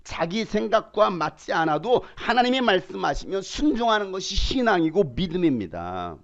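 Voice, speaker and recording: A man preaching a sermon as pastor, emphatic, swinging between loud bursts and quiet asides, acting out quoted voices. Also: sits high, sing-song, moderate pace, vocal fry, lo-fi sound. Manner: acts out quoted dialogue in changed voices.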